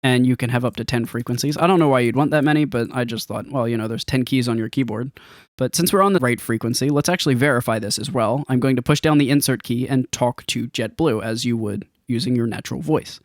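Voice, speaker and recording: Speaking quickly at a medium pitch, a man walks through a demo of a game he made, rambling slightly as he reasons aloud in a relaxed, tutorial-like way. It's a screen-recorded software demo, with clean studio audio and no audible room.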